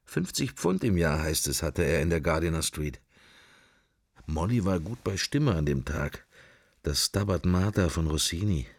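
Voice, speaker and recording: In a radio drama interior monologue, an actor voices a wry, sceptical, worldly middle-aged man silently observing a church, murmuring fragmentary, associative private thoughts in a reminiscing mood. His low, animated voice is a full character voice, a little slow, with no echo.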